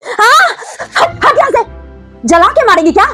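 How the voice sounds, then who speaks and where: Woman playing a shrill bossy mother-in-law. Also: fairly quick, faint music behind, close to an everyday voice. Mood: scolding. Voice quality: scolding, shrill, domineering. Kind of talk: home-made family drama acting.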